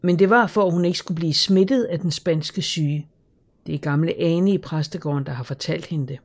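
A woman calmly narrating a children's story in a measured, scripted reading. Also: low-pitched. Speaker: audiobook narrator.

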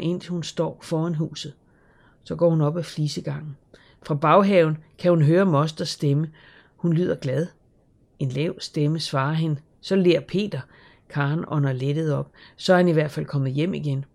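An audiobook narrator reading a children's novel in a measured, storytelling manner. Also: medium pitch, gravelly, darkish tone, husky.

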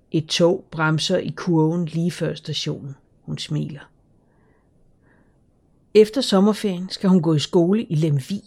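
Mellow-voiced woman reading a story. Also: on the low side. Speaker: audiobook narrator. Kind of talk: scripted storybook narration.

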